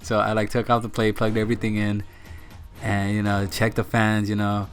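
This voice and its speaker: A young man with a fairly low voice tells a story to his viewers in a loose, rambling way. He restarts his sentences and keeps repeating "like". Quiet music plays faintly behind him. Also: completely flat delivery, normal speed. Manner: rambling, repeats words, lots of likes and fillers. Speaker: channel host. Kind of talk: casual vlog storytelling.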